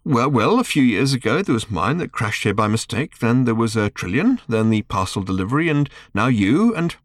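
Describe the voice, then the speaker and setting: A man's voice: sing-song, normal speed, no echo, studio quality, lightly acted. A man voicing Arthur, a weary, sarcastic human man, in an audiobook reading. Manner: shrill, sarcastic outbursts. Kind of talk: audiobook character voice.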